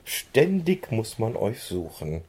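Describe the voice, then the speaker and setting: A man's voice: lowish voice, very animated, takes it slowly, a little mellow, breathy edge, full character voice. A man voicing the impatient woman who runs the farm in a storybook reading, calling and scolding.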